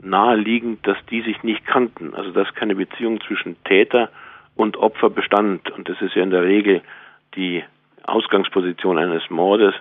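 Tinny phone-like voice of a gravelly man. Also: low-pitched, steady tone, no echo. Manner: measured, matter-of-fact, analytical, with halting phrasing. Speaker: interviewed author and crime researcher. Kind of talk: spontaneous interview explanation. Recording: tinny phone-like narrow band, dry.

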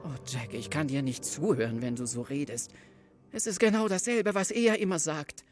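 A man voicing a frightened young woman who pleads tearfully in a high, breathy voice, with music playing behind. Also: normal speed, close to an everyday voice. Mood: distressed.

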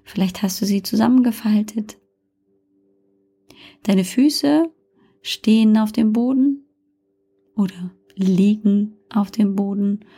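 A woman narrating a guided meditation like a sleep story, softly and calmly, often near a whisper, with long pauses and gentle suggestions. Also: mid-range voice, breathy edge. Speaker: guided relaxation instructor.

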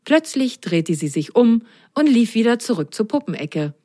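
A woman reading a children's bedtime story aloud in a gentle, unhurried storytelling manner. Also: a little high, sing-song. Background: faint music.

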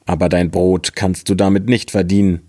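A man's voice: deep voice, little pitch movement, normal speed, mellow, no room sound, studio quality. A man voicing a worried, sighing father who scolds his son in a fairy-tale audiobook. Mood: stern, weary. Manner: stern, weary.

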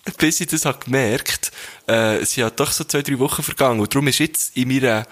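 A man's voice: medium pitch, brisk, a bit bright. A man with a Swiss German accent co-hosting a podcast, bantering casually and telling a joke. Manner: jokey, tells jokes with stuttering voices. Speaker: podcast co-host.

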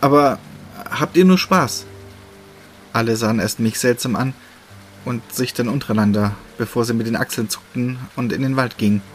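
Male narrator, steady first-person horror reading, soft music bed. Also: medium pitch, fairly quick. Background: faint music.

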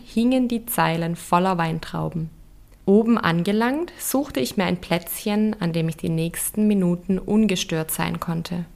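A woman in her thirties narrating a reflective first-person story in a calm, measured, introspective way. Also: on the low side, vocal fry.

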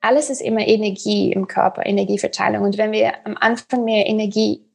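Woman with German, gravelly and husky. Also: medium pitch, fairly even intonation. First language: not German; speaks German as a second language. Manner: halting, searching for words, with non-native grammar. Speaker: health coach as podcast guest. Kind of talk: conversational explaining on a podcast.

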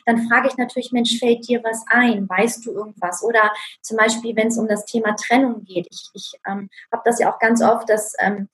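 A woman's voice: on the high side, a bit bright, poor audio. A woman talking in an interview about her healing practice, explaining eagerly, with many fillers and tag questions. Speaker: energy healing practitioner, guest. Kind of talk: conversational interview.

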